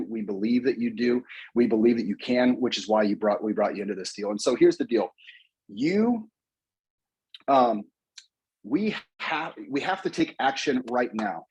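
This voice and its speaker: An American man giving an energetic, repetitive motivational pep talk to a sales team, coaching and rallying them. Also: mid-range voice, husky, poor audio. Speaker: motivational speaker.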